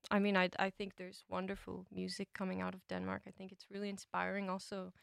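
A young woman, a musician, is a guest in a radio studio, chatting casually in a fast, monotone, creaky voice of medium pitch with a clear, resonant tone. She is informal, fills her stories with "like" and quotes her own thoughts. The studio-quality recording has no echo.

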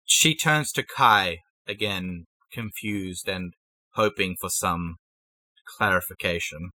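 A man narrating as game master of a tabletop game, describing the scene in brisk present tense. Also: deep voice, pushed and bright, no echo.

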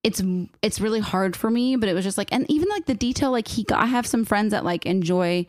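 A woman in her thirties chats casually in a mid-range, darkish voice, sounding animated and brisk. She rambles emotionally and drops "like" into every sentence, recorded in a clean studio with no room sound.

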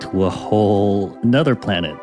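A man's voice: lowish voice, lively intonation, moderate pace, over music. A man co-hosting a podcast with casual, joking conversation. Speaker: podcast host.

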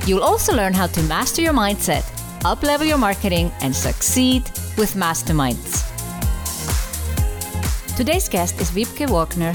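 A woman from Iceland hosting a podcast, coaching her guest with lively questions and examples. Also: medium pitch. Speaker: podcast host and business coach.

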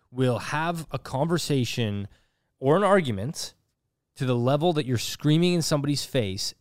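A man's voice: medium pitch, no echo, studio quality. Earnest man recounting a night. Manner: earnest, reflective storytelling with frequent restarts. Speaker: podcast co-host. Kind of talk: casual chat.

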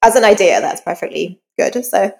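This woman has a gravelly, mid-range voice and speaks animatedly at a moderate pace. She's guesting in an interview, telling personal anecdotes in a casual, self-deprecating, chatty manner. Long reverberant hall echo surrounds her.

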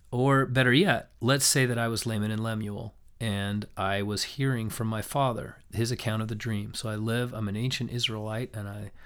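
Raspy and hoarse from a cold, this young man's low-leaning voice still carries a fairly bright tone. His recorded scripture lesson is loose and reflective, with many restarts along the way.

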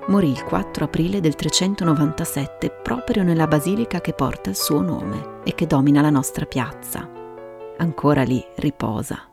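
Woman narrator w a low creaky voice, measured storytelling with pauses, quiet music under it. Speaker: host and narrator of a storytelling show. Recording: music behind the voice.

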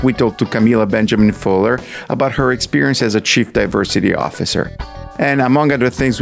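A man hosting a leadership podcast, introducing guests and asking them about their background in a measured, friendly way. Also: lowish voice, creaky. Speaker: podcast host. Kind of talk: podcast interview.

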